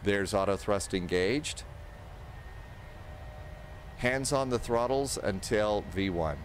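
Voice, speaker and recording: A man's voice: on the low side, slow. A man in his sixties giving casual instructional commentary on a flight simulator, talking himself through each step at a close microphone. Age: older, 60s. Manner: talks himself through steps aloud. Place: indoor home streaming setup. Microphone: close desk microphone. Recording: steady aircraft engine noise behind. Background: simulated aircraft cockpit and engine noise.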